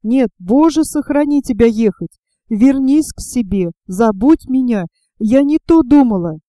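A woman's voice: on the high side, animated, a little slow, dark tone, dry recording, clean studio sound. A woman reading the part of a grieving young woman, voicing her pleading, tearful lines in a storybook. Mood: anguished.

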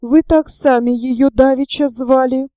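A woman's voice: high-pitched, fairly even intonation, measured pace, mellow, no room sound, clean studio sound. A woman voicing a giddy, childlike, timid young woman who babbles playfully in an audiobook. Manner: playful, babbling, easily frightened.

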